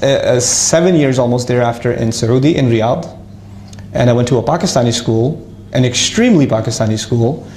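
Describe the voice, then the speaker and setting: In an echoey room with a little hiss or hum, a mid-range-voiced man relates his life story to an audience, casual, upbeat and poking fun at himself while frequently starting over.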